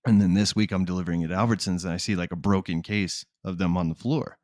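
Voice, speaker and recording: A man's voice: low-pitched, steady tone, fast talker, darkish tone, no room sound, clean studio sound. A man co-hosting a podcast, chatting casually and retelling stories with slang, swearing and quoted back-and-forth dialogue. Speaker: podcast co-host. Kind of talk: casual chat, storytelling.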